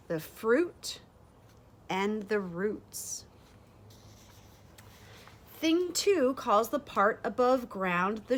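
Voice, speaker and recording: With careful, expressive phrasing meant for young ears, a woman in her thirties reads a rhyming picture book aloud. Her voice sits in the mid range, and she's indoors in a bright sunroom lined with large windows.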